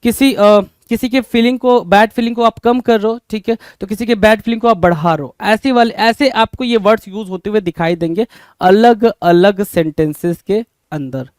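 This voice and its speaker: High-voiced Indian man teaching vocabulary. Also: normal speed, clear, resonant tone, no room sound. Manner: keeps asking the class rhetorical questions, calls them "bhai". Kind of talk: exam-prep vocabulary lesson.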